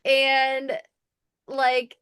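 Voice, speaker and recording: Animated woman recapping a show. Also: high-pitched, drawn-out words, smooth, dry recording, clean studio sound. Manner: animated, swearing, acts out scenes. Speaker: podcast co-host. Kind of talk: casual recap chat.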